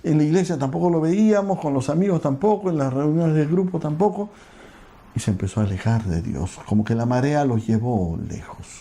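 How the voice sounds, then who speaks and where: A man preaching as a pastor, telling a personal story earnestly and leading into a hushed prayer. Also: on the high side, animated, a little fast. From Peru.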